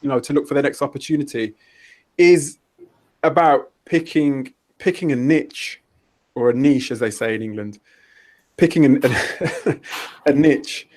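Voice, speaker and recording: A man hosting a podcast who asks long, halting questions and restarts his sentences midway. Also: medium pitch. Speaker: podcast host. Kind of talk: casual interview questions.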